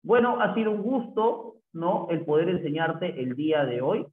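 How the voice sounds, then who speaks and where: Male teacher, slow drawn-out delivery, tinny phone-like sound in a roomy echo. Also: a little high, big pitch swings, a little hiss or hum. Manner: slow, repeats answers, adds "¿no?" tags. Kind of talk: recorded language lesson. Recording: echoey, phone-like lo-fi audio.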